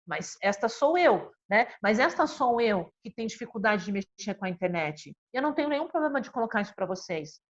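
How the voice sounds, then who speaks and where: A woman with a Brazilian accent speaks as a psychologist in an easygoing conversational talk. She is expressive and earnest and keeps tagging her phrases with little questions. Her mid-range voice comes through a slightly dull, lo-fi recording. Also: mid-range voice, a little fast, hardly any pauses. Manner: constantly adds tag questions, expressive and earnest.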